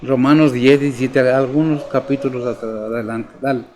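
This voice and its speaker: A man's voice: mid-range voice, fairly even intonation, normal speed, noisy background. Man preaching a sermon. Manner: preaching with questions to the congregation. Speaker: pastor.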